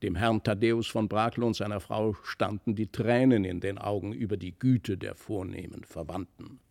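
A man reading a classic tale aloud in measured, even storytelling narration. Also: lowish voice, vocal fry, no room sound, clean studio sound. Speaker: audiobook reader.

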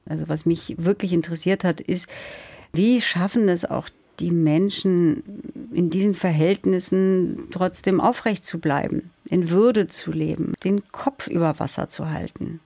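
A woman's voice: fairly low pitch, unhurried, vocal fry, warm tone, no room sound. A woman novelist who grew up in the Soviet Union, answering in a thoughtful, searching way with some hesitations in a radio interview. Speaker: novelist guest.

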